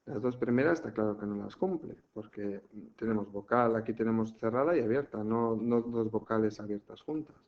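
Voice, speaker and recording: A man's voice: on the low side, a little fast. A man from teaching a language lesson, patiently explaining step by step and checking in often. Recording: muffled lo-fi home recording.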